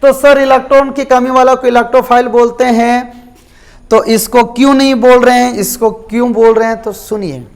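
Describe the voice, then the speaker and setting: A male chemistry teacher with a Jharkhand Hindi accent lectures his class, frequently checking in with students and answering his own questions. His voice is very high-pitched with fairly even intonation, and he speaks at a normal speed.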